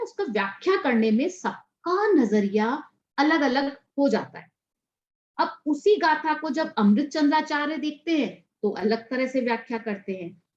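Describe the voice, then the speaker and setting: High-voiced woman teaching in an echoey room. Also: highs cut off. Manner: explanatory, asks and answers her own questions. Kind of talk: scripture class lecture.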